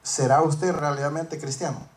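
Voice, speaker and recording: A man's voice: fairly high pitch, fairly even intonation, unhurried. A man preaching a sermon, telling a workplace story and acting out the dialogue, rising to emphatic peaks. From northern United States.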